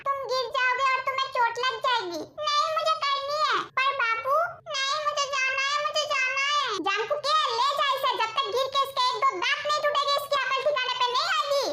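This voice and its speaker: A performer voicing a whole cast of squabbling comic family members in an amateur voice dub, teasing and whining at each other. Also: extremely high pitch. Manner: bickering, teasing and whiny. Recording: roomy home recording, loud hiss.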